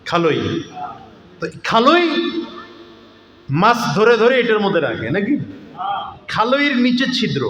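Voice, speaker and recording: A male preacher with a Barisal Bengali accent, giving an open-air sermon, stern and scolding, rising to a shout on key points. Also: high-pitched, reverberant, slight background noise, poor audio. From Barisal, Bangladesh.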